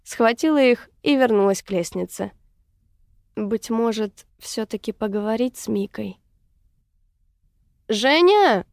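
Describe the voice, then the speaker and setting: A woman narrating a story in a measured, even reading voice. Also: medium pitch, gravelly, dry recording, clean studio sound. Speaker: audiobook narrator. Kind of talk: scripted narration.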